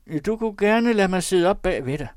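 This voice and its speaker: A man voicing a desperate male poacher who begs loudly for his life in a high, strained voice. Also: animated, no echo, studio quality, natural voice. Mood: wheedling. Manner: high, loud, begging.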